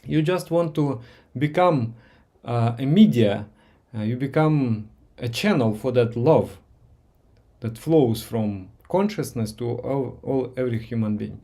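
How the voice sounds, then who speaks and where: In a live meditation class for viewers, a man with Russian as his first language speaks gently and unhurriedly. Pauses, fillers and repeated words run throughout, and his voice sits in the mid range.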